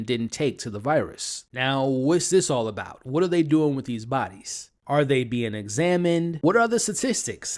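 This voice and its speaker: A man hosting a video recap, reading scripted narration. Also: medium pitch. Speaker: video host recapping a TV series.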